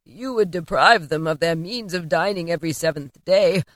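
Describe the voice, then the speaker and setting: A woman reading an audiobook and voicing an old male miser who asks hesitant, halting questions. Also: on the low side, dry recording, lightly acted. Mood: questioning. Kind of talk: audiobook character voice.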